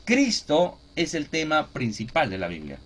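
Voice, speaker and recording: A man's voice: fairly high pitch, a little slow. A man preaching a teaching sermon, often asking his listeners if they follow. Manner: animated, asks listeners "¿no?" and "¿de acuerdo?" often.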